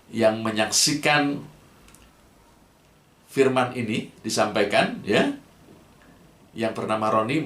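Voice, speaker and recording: A man's voice: on the low side, roomy sound. A male pastor preaching a sermon, acting out little scenes with humor. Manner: animated preaching, acts out romantic lines with humor. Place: church.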